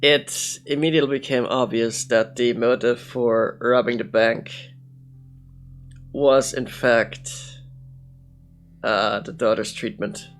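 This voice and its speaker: A man's voice: medium pitch, steady tone, slow, pauses often, soft background music. A man giving casual commentary on a game, thinking aloud as he weighs things up. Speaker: video game player commentator.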